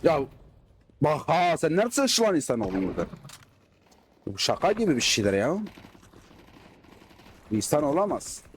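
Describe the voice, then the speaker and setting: A man doing casual gameplay commentary, excitable and swearing when the game frustrates him, slipping into dialect when angry. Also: fairly high pitch, moderate pace, long pauses, a little hiss or hum. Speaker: gaming YouTuber. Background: faint game gunfire.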